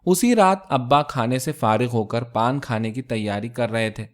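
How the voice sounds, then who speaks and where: A male storyteller reading a short story aloud in a steady, measured way. His voice sits at an ordinary middle pitch and keeps an even pace through the narration.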